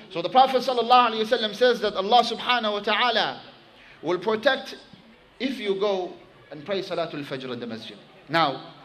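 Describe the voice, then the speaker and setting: A man preaching a sermon to his congregation, telling a story with animated emphasis and quickly reciting Arabic phrases. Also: high-pitched, low-quality recording.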